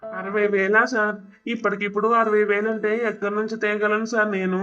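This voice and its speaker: A man's voice: high-pitched, little pitch movement, quick pace, bright, forceful tone, lo-fi sound, soft background music. A man voicing a remorseful young son who begs the officer to spare his father. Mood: pleading. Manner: begging, apologetic, repeats sir.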